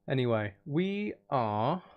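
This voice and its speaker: With a mid-range voice whose highs are cut off, this man streams games and narrates audiobooks. On his livestream he chats casually, offering game commentary and self-deprecating rambles.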